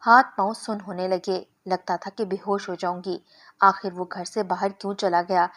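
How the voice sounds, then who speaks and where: A woman narrating a scripted first-person story in a measured, steady way. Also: medium pitch.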